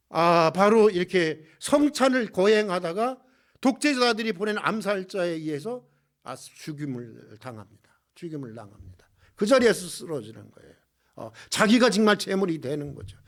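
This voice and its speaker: Brief: male pastor preaching, high voice, swings from loud exclamations to hushed lows, rhetorical questions. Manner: impassioned, swings between loud exclamations and hushed low passages; addresses the congregation with rhetorical questions. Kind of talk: sermon. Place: church.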